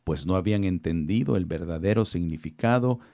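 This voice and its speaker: Male narrator, scripted Bible storytelling; low pitch, animated melodic range. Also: fairly quick.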